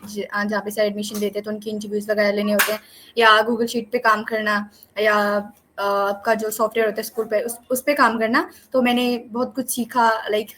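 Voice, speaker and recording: A young woman from Pakistan, a student guest, is heard over a computer or phone mic on an online video call from home, with a little hiss or hum. Her medium-pitched voice is a bit bright, with flat delivery and a brisk pace. She chats playfully and casually, with plenty of fillers and self-corrections.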